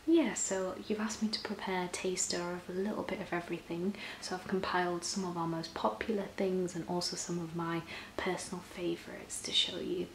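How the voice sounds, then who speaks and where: A woman performs an ASMR role-play as a personal shopper. Her voice is soft, breathy and fairly low, slipping in and out of a soft voice as she gently explains. The room echoes around her, with clear noise behind. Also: little pitch movement, a little fast, few pauses. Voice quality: soft-spoken, often breathy and soft-spoken. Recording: roomy echo, clear background noise.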